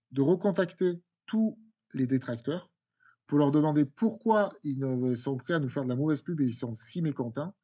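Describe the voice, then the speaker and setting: A man teaches by walking students through an exam correction in a conversational way, repeating words and using many fillers and restarts. His voice is on the high side, with a dark tone and a breathy edge.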